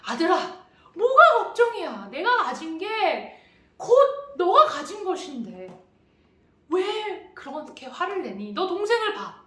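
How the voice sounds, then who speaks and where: A woman's voice: very high voice, big pitch swings, a little slow, far from the mic, pitched above the performer's own voice, full character voice. A woman voicing a loving, joyful father who welcomes his lost son home, speaking with eager exclamations. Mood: overjoyed. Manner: exclaiming, warmly pleading. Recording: echoey church hall.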